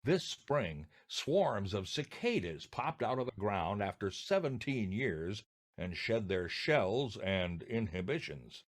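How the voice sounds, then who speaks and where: With a lowish voice and big swings in pitch, this older New Jersey man co-hosts a podcast at a slow pace. His scripted banter is theatrical and full of jokes.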